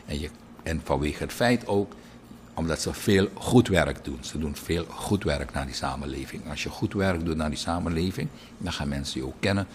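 A middle-aged man with a very low voice reads out birthday wishes like a broadcast host. He talks in a chatty, lively way and drifts into anecdotes between names. A faint ambient hiss sits under his voice. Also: normal speed. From Suriname. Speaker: radio and TV presenter.

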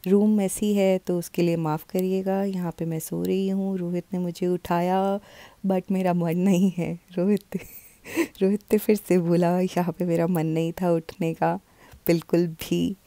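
A woman's voice: on the low side, flat delivery, measured pace, warm tone, no echo. A woman casually narrating her family's morning routine for a vlog, mixing in English phrases. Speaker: vlogger.

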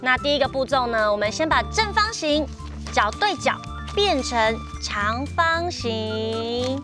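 Young female kids' show presenter, Taiwanese accent, high voice, simple talk-to-toddlers delivery, music underneath. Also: expressive, measured pace. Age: young adult. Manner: speaks as if to toddlers, simple and exclamatory. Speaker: children's show co-host. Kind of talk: presenting an origami lesson to small children. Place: television studio.

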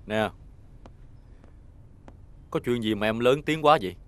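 A man plays a calm, measured father in a TV drama. He speaks, in a mid-pitched voice and with an even, questioning manner. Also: smooth, close to an everyday voice. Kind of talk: TV drama acting.

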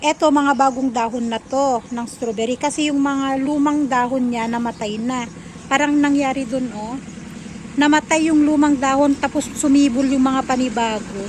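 A woman's voice: sits high, normal speed. A woman chatting casually in a home vlog, narrating outdoors in her garden while recording on a phone. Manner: chatty, mixing Tagalog and English. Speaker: vlogger. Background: faint outdoor ambience and tractor noise.

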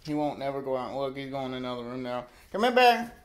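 Filming on a handheld phone or camera from behind the lens, a pet vlogger chats casually to the camera and his dog in a hallway and carpeted room at home, coaxing the animal and repeating simple questions. His medium-pitched voice is very animated and quick. The amateur recording is noisy.

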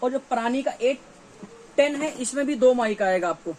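With an extremely high pitch, lively intonation, and a darkish tone, a man in his thirties speaks at normal speed in a North Indian accent. He's a dealer presenting products in an informal, repetitive showcase to camera. Faint background noise fills the small, cluttered indoor gear shop.

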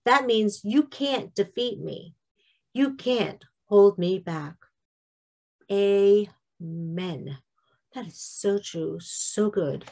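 Slow-talking middle-aged woman. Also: medium pitch, animated, a little mellow. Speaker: vlogger giving a devotional. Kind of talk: casual talk to camera with devotional reading.

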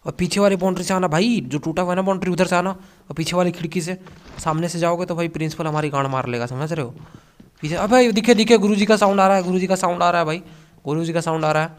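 A young man doing comedic voice-over commentary on a mobile game, full of excitable, crude banter. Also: high voice, fast talker. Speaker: gaming commentator.

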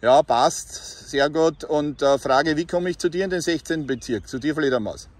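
Standing outdoors by roadside bushes, a Viennese-accented man from Austria films a vlog on a handheld phone about his CB radio hobby. He talks casually at a moderate pace in a slightly high voice, frequently tacking tag questions onto his phrases.

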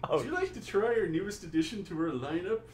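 A man voicing a crazy old man who pitches odd new cheeses like a salesman. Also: sing-song, quick pace, reverberant, distant mic, a little hiss or hum. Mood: salesy. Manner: salesman's pitch, breaking into laughs.

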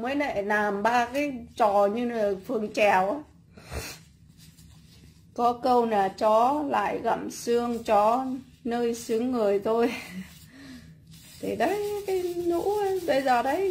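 A Vietnamese woman rants bluntly and scornfully on a casual livestream from home while working on cakes in her kitchen. Her voice is a little high with a darkish tone, and she stumbles over repeated fillers.

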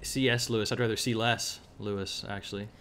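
Bright-voiced man, dry and sarcastic. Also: on the low side, steady tone, fairly quick, slight background noise. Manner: dry sarcastic banter, mock voices for jokes. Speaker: podcast co-host. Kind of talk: casual chat.

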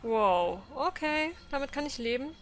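A woman's voice: sits high, expressive, unhurried, a little hiss or hum. A young woman giving casual commentary as she plays a video game. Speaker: let's player.

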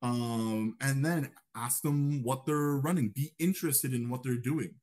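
A man's voice: mid-range voice, a little slow, darkish tone. A young man giving a casual lecture, talking conversationally and often checking in with "right?". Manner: acts out upbeat greetings in a raised voice.

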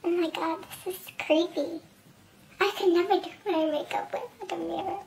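Squeaky chipmunk-voiced vlogger, helium high. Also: steady tone, moderate pace, background noise. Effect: chipmunk pitch-up filter. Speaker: beauty vlogger. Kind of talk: casual chat while doing a makeup challenge.

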